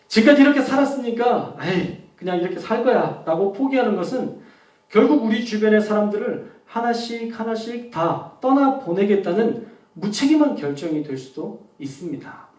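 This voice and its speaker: A male pastor's sermon, with his voice sitting high and swinging up and down as he preaches. The voice rings in a roomy space and sounds a little away from the mic. He often stops to show how a phrase sounds in a gentler tone. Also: far from the mic. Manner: animated preaching with spoken demonstrations of tone.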